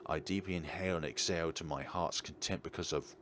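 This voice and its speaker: Loud game music sits behind this gaming video host as he reads story text aloud, acts out dialogue, and comments during a playthrough. He speaks quickly in a low, fairly even voice, and there's slight background noise.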